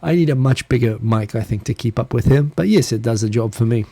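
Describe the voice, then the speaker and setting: A livestream host with a New Zealand accent talks casually on his own, rambling fast, restarting, and running himself down. His voice is medium-pitched, dark, mellow, and gravelly, captured close on a handheld USB recorder mic, with computer fan hum behind him.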